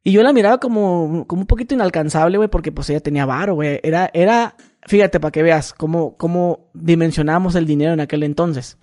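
A Mexican man in his thirties tells a long story on a casual podcast. His voice sits high and he talks quickly. He stumbles over and repeats words as he goes. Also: a little mellow. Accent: Mexican Spanish. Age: 30s. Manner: rambling, repeats words, acts out quoted voices. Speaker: podcast co-host.

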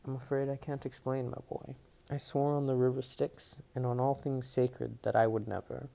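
A man reading aloud, voicing an old male centaur teacher, grave and regretful, in a quiet, solemn way. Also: medium pitch, little pitch movement, normal speed, gravelly, natural voice.

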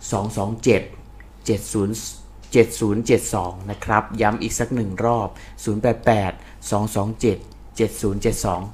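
A man's voice: on the low side, steady tone, a little mellow. A man co-hosting a casual live-streamed talk show in Thai, chatting and reading out sponsor details. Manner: friendly, reads out sponsor details slowly. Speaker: co-host of a live podcast.

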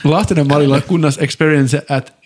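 A man's voice: fairly high pitch, steady tone, a little mellow. Dry-witted podcast co-host man. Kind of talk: casual podcast chat.

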